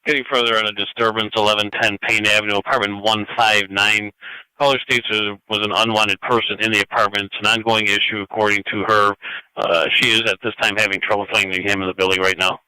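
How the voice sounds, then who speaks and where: A man's voice: on the low side, flat delivery, fast talker, sharp tone, clear, resonant tone, no echo, low-quality recording. A man dispatching police calls over two-way radio in terse, procedural phrases.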